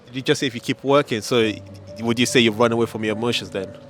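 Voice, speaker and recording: A male street interviewer fires off brisk, probing questions. He speaks quickly, and music plays clearly behind him outdoors. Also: mid-range voice, fairly even intonation, a bit bright.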